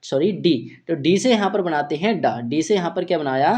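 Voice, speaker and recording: A man teaching English reading in Hindi, explaining letter sounds slowly and patiently, often asking himself questions and answering them. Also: fairly high pitch, lively intonation, darkish tone. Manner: repeats "theek hai" and asks himself questions; slow, patient, step-by-step explaining. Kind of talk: Hindi-language phonics lesson.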